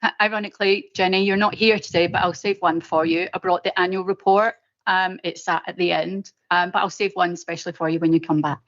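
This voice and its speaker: A woman with a Glaswegian accent presents an update at a formal-ish meeting. Her voice sits fairly low with a noticeable creak, and she pauses often as she goes. The sound is slightly dull. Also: fairly even intonation.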